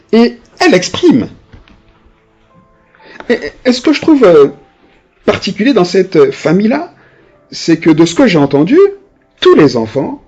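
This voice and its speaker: A male pastor gives a chatty, animated sermon, full of hesitations and restarts. His slightly high, husky voice rises and falls widely as he acts out characters from his examples. The recording is dull and lo-fi, with faint music underneath. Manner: conversational, with many hesitations and restarts; animated, acting out voices of people in his stories.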